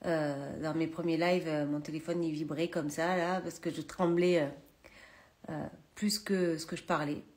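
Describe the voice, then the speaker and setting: A woman's voice: low-pitched, fairly even intonation, normal speed, a little mellow. A woman chatting live to her viewers from a phone in a holiday cottage, talking freely with many hesitations. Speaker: live streamer and massage trainer. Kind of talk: casual social media live chat.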